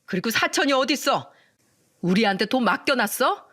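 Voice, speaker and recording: A woman's voice: a little high, lively intonation, moderate pace, a bit bright, voice pushed up. A woman reading a stern young husband. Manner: stern, blunt. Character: firm young husband protecting his wife. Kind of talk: storytelling radio drama reading.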